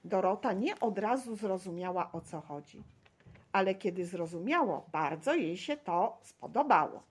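A woman reading a children's story aloud with an expressive, animated delivery. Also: mid-range voice, moderate pace, breathy edge.

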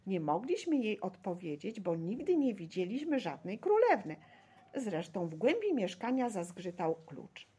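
Woman reading a kids story out loud, lively swoopy voice, a bit breathy. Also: mid-range voice, a little slow. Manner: expressive, animated. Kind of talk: reading a children's story aloud.

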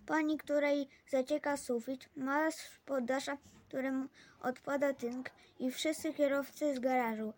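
A woman reading a children's story aloud in a clear, steady way. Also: high-pitched, moderate pace. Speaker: reader.

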